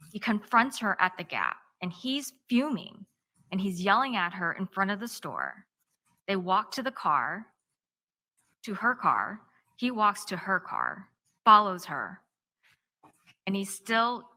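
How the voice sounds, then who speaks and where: Woman, defense attorney, courtroom opening statement, bright sharp voice, measured step-by-step telling. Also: mid-range voice, big pitch swings. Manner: tells events step by step in present tense, measured.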